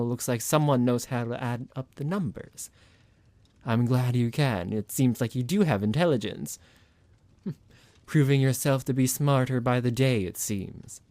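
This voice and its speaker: A man with a mid-range, darkish, natural voice plays a smug, psychotic vampire doctor in an ASMR roleplay, recorded with no echo. He is condescending, theatrical and menacing toward his captive, with a smug, mocking mood.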